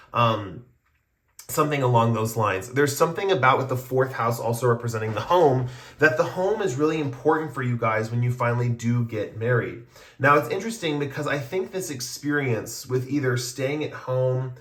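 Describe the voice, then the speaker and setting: A man's voice: mid-range voice, a bit bright. A man doing a casual pick-a-card tarot reading, explaining his cards to viewers in a meandering, conversational way. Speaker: tarot reader.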